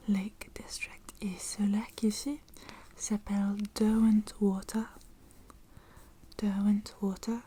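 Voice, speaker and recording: Soft-spoken ASMR woman, French, mellow and unhurried, close intimate whisper. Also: mid-range voice, slightly rough. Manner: slow, halting whisper with frequent pauses and restarts. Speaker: ASMR creator. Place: indoors at home.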